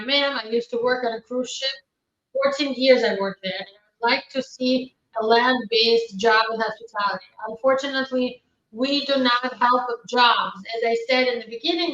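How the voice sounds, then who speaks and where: A Ukrainian-born woman attorney hosts a live stream, reading viewers' questions aloud and answering each briskly and matter-of-factly, using frequent fillers. Her pitch is fairly high and her tone sharp, and the audio sounds roomy, distant and dull.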